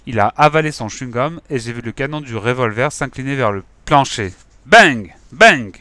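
A man narrates a children's novel with lively, expressive storytelling. His voice is bright and forward, recorded close and dry with no room around it. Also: medium pitch, moderate pace, no echo. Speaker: audiobook narrator.

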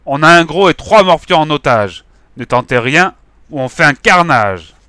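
A man voicing a nervous, menacing male gang leader who talks in a gruff, threatening way. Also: medium pitch, lively intonation, moderate pace, pushed and bright, no room sound, studio quality.

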